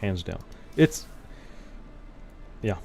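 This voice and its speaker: A man's voice: low voice, animated, very slow, creaky, warm tone. A man streaming a game, chatting casually with viewers in a blunt, rambling way, often laughing and swearing. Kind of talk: casual chat while gaming.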